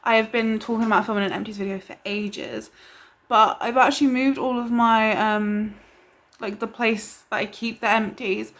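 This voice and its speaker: A young woman from the UK, a beauty vlogger chatting casually to camera, rambling and excitable. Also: a little high, normal speed.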